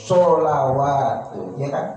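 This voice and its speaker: A man's voice: medium pitch, expressive, takes it slowly, a little mellow, slight background noise. A man teaching a religious study lesson in a prayer room, patiently repeating and drilling each pronunciation. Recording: roomy, distant echoey prayer room.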